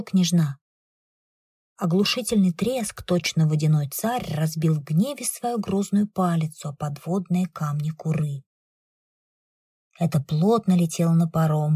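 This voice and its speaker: A woman reads a tense adventure aloud with a husky, breathy voice. Her telling is dramatic and measured, recorded close and dry. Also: lowish voice, mellow, no room sound. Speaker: audiobook narrator. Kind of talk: scripted narration.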